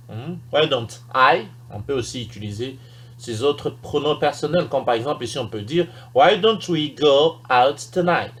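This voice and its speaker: Slow explanations and emphatically repeated English example sentences mark this recorded language lesson. It's delivered by a man with a lively, high voice.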